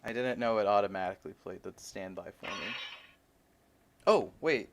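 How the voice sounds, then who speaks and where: Excitable young man rambling about toys. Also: fairly low pitch, normal speed, noisy background. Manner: rambling, excitable fan talk with frequent laughs. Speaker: toy reviewer. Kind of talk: casual unboxing chat.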